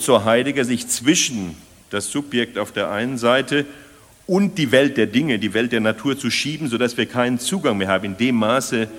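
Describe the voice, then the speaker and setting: An older man giving an academic lecture, speaking deliberately and repeating key phrases as he restates them. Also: medium pitch. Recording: long lecture-hall reverb.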